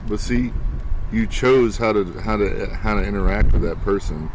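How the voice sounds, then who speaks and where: Deep-voiced man musing earnestly outdoors. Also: moderate pace. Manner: earnest, reflective, frequent filler words. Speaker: podcast guest. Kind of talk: casual outdoor chat. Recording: outdoor recording with faint background noise.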